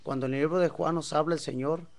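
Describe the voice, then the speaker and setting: A man's voice: a little high, fairly even intonation, quick pace. A man on a religious talk program, earnestly reading and citing scripture to make his point. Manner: earnest, reads and cites scripture. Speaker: co-host of a religious discussion program. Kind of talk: casual religious discussion.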